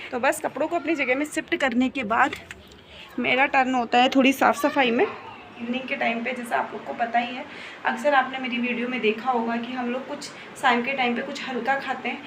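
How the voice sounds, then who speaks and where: Young woman chatting through her home vlog, a bit high voice, noisy room. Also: fairly even intonation, fairly quick. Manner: chatty, talks softly while child sleeps. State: unwell, pregnant. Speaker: vlogger. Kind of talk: casual home vlog narration. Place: home, kitchen and bedroom.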